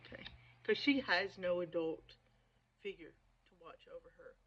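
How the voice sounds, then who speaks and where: On lo-fi audio, a woman with a lowish, fairly bright, expressive voice shares her opinions about books on her own video channel. Her style is casual and digressive, full of emphasis and conversational checks like "right?" and "okay?". She has a slight speech impediment and slows down over hard sh sounds.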